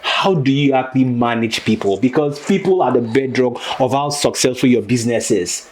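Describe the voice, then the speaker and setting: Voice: mid-range voice, brisk, darkish tone, slight background noise. A podcast host asking a guest questions and murmuring agreement often, laughing along. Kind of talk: casual podcast interview.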